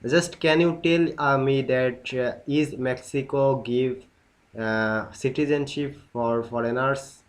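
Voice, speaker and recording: A man hosting an English speaking club on a video call, English not his first language. He is eager, with simple, broken phrasing as he asks questions. His voice sits at a middle pitch. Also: steady tone, slow pace, rough recording. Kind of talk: casual online conversation.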